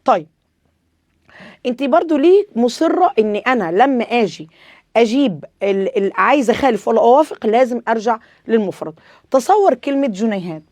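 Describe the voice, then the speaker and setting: A woman's voice: a little high, animated, fairly quick, a little mellow, no room sound. A woman with an Egyptian accent teaching an Arabic grammar lesson, asking questions and answering them herself, repeating the rules.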